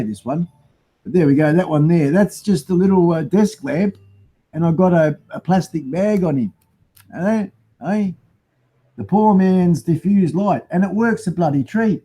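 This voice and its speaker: This New Zealand man, accent broad, hosts a loose live stream, reading viewer comments and chatting like a mate. His voice sits a little high and sounds mellow and husky. The recording is rough.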